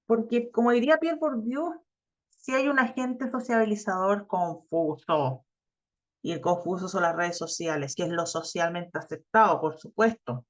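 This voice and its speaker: A woman's voice: medium pitch, moderate pace. A woman with a Chilean accent teaching an online class, chatty and talking straight to her students. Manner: chatty, addresses students directly, acts out quoted teens. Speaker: course instructor. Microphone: video call. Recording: lo-fi muffled video-call audio.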